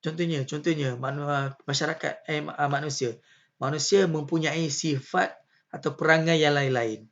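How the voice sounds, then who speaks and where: A man's voice: fairly high pitch, moderate pace. A male teacher with a Malaysian Malay accent giving a poetry lesson, patient and questioning, with many filler sounds. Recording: slightly dull lo-fi audio.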